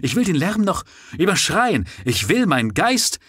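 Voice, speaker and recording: A man's voice: medium pitch, huge pitch swings, takes it slowly, breathy edge, no room sound, studio quality, voice pushed up, heavily acted. A man voicing a frenzied male writer who bursts into wild, exultant exclamations. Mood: exalted. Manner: wild exclamations, rising to shouts.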